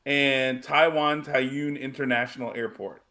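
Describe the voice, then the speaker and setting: A man with a bright, forceful voice, talking through a casual podcast chat. He rambles, trails off and stacks up fillers as he works out his point. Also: mid-range voice, fairly even intonation, a little slow. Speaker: podcast co-host.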